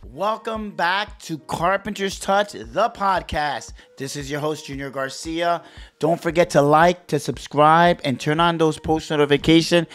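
Lively male podcast host. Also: a little high. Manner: lively, tags sentences with "right?". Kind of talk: casual podcast chat. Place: small home studio.

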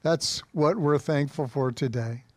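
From a small church studio set indoors, a pastor in his fifties, an American, exhorts his online congregation, repeating key points for emphasis. He speaks a little slowly in a slightly high, darkish voice, and the recording is dry.

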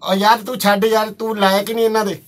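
Man as a taunting prank caller, fast and high, heard off-mic. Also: far from the mic, heavy background noise, lightly acted. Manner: calm and taunting. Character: pretend male caller, blunt and taunting.

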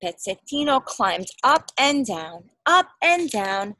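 This parent, a woman around thirty, reads a picture book aloud in a backyard, bringing expression to it while explaining and posing simple questions to a child. She speaks slowly in a fairly high, sing-song voice that sounds pushed and bright. A phone or laptop at arm's length picks her up with no echo.

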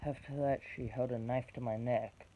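A man in his twenties telling a personal story, blunt and halting, swearing often, with strong emotion. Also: steady tone. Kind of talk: personal testimony to camera. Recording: dull low-fi recording with background noise.

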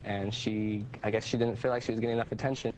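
A man answers as the defendant in a quiet, subdued way. His voice stays flat with almost no rise or fall. Faint noise sits behind him. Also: lowish voice, fast, low-quality recording.

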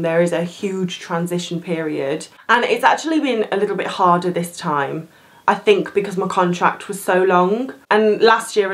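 A young woman, a cruise ship crew vlogger, chatting casually and animatedly to camera in a plain room, laughing often. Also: medium pitch. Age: young adult.

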